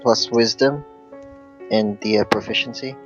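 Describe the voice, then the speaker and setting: A young man playing a tabletop game, halting and giggly as he speaks. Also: on the low side, steady tone. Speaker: player. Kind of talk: casual tabletop game chat. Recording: dull lo-fi sound with faint music.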